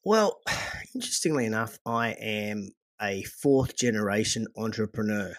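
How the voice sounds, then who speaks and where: A middle-aged man from Australia with an Australian accent, a gym owner talking as a podcast guest in a joking, relaxed, rambling way. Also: on the low side, a little slow, dry recording, studio quality. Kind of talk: casual interview talk.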